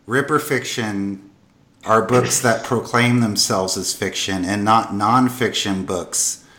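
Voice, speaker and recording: A man's voice: on the low side, slow, pushed and bright. A man hosting a podcast panel, explaining in a semi-formal way and moderating the guests. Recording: roomy, echoing voice pickup.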